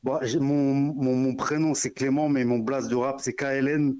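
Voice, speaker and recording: A man's voice: mid-range voice, level tone, moderate pace, darkish tone, clean tone, no room sound, dull audio. A young man calling in with an Arabic-sounding French street accent, chatting hesitantly in slang and repeating himself. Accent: French street accent with an Arabic lilt. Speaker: caller, amateur rapper. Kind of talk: casual slangy phone-in chat.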